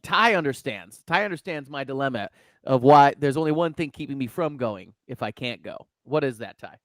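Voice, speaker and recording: A man's voice: mid-range voice, lively intonation, moderate pace, fairly bright tone, no echo. A man co-hosting a casual sports podcast, joking and laughing often. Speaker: podcast co-host.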